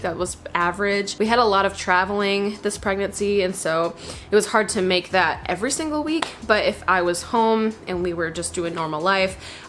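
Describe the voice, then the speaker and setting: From a small home garage gym indoors, a heavily pregnant young adult fitness vlogger talks casually to the camera as she demonstrates workouts, often saying "like" and "you know." Her voice is mid-range and fairly bright, with a little hiss or hum in the audio.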